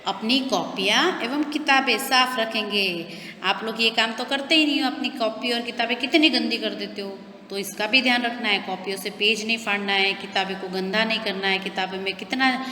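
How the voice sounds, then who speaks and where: A woman's voice: medium pitch, normal speed, bright, forceful tone, reverberant, big-room sound, slight background noise. A woman teacher walking small children through a textbook lesson, restating hard words in simpler ones and checking in with them. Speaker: primary school teacher.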